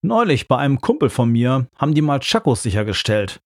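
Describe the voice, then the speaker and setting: A man's voice: medium pitch, big pitch swings, fairly quick, dry recording, clean studio sound. A man reading the lines of a tough young woman football fan in a story, matter-of-fact and unfazed. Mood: keen. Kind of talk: audiobook character voice.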